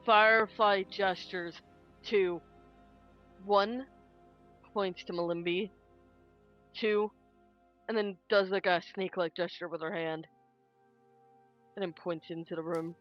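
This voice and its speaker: A tabletop game player casually narrating a character's moves in the third person, with deliberate, hesitant phrasing. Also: mid-range voice, fairly even intonation. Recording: dull audio, music underneath.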